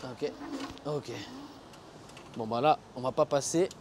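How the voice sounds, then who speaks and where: A man's voice: mid-range voice, slow, a little mellow, a little hiss or hum. A man giving casual, slangy vlog commentary, thinking aloud while riding outdoors. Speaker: vlogger reviewing an electric scooter. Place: outdoors, riding on city roads.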